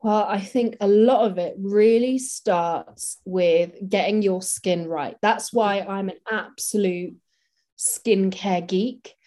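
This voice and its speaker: A woman's voice: mid-range voice, takes it slowly, dark tone. Woman, makeup artist guest, chatty, practical, casual interview. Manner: chatty, practical, many fillers.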